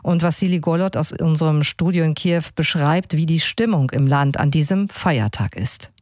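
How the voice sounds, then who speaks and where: A woman presenting a radio news show from a studio, in a clear, measured news-reading manner. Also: sits low, a little mellow, dry recording.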